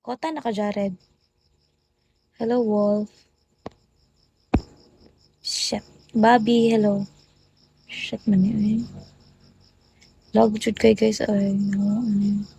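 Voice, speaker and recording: A woman's voice: medium pitch, level tone, slow, creaky, long pauses, dark tone, a little hiss or hum, low-quality recording. A woman hosting a casual phone livestream, chatting and rattling off greetings to viewers. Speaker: livestream host.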